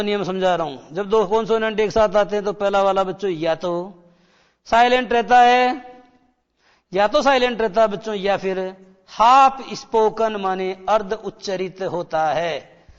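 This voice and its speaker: A male teacher giving a classroom lecture, repeating key words, quizzing the children and slowing down to read English lines. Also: high-pitched, clean tone. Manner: slows right down when reading English lines. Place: broadcast studio. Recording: dull sound with long hall reverb.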